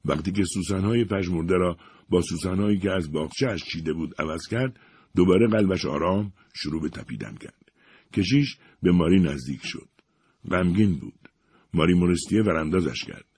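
A man reads a story aloud at a steady, even pace. His voice is very low and a little husky. The recording is dry and close, with no room sound. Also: dry recording. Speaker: narrator. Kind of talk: scripted audiobook narration.

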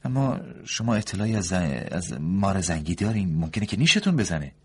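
A man voicing a nervous, fussy young doctor in a read-aloud story, his voice pushed high and loud in eager bursts. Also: sing-song, husky, exaggerated voice. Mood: agitated. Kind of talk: audiobook story reading.

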